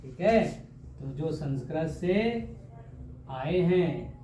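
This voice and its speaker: A man's voice: on the high side, extremely slow, warm tone, reverberant, slight background noise. Joking male teacher drilling a class. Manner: drills by asking questions and repeating the answers; joking, homely teacher talk. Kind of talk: exam-prep grammar lesson.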